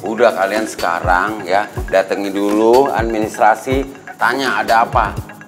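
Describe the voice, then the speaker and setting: A man's voice: fairly low pitch, steady tone, close to an everyday voice. An actor playing a fussy middle-aged male lecturer who scolds his students and hurries them along. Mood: scolding. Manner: blustery, scolding, quick to doubt. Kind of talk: sitcom acting. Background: background music.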